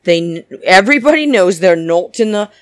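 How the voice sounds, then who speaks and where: A woman's voice: medium pitch, expressive, normal speed, a bit bright, no room sound. A woman hosting a solo reality TV recap podcast in a campy, theatrical, diva-like manner, opinionated and gossipy. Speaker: podcast host.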